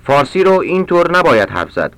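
Man reading language drills, lively pitch. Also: dry recording. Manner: slow, careful, deliberate enunciation of short sentences. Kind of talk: read-aloud Persian drill sentences for learners.

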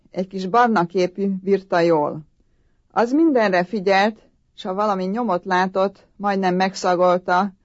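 A woman narrating a folk story in a calm, even storytelling manner. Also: medium pitch, dry recording. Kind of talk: storybook reading. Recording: dull, dry audiobook sound.

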